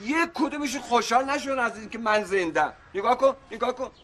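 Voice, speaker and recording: In a comic TV series, an actor plays a middle-aged father of the family who returns after his supposed death, pleading and joking with his angry family before growing exasperated. His voice is extremely high-pitched against a noisy background.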